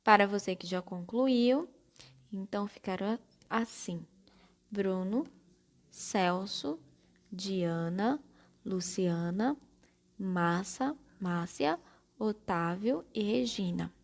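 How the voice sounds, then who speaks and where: A woman teacher with a Brazilian Portuguese accent, giving a slow, careful primary-school lesson and spelling out syllables one by one. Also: mid-range voice, animated, vocal fry. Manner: spells out syllables slowly and deliberately.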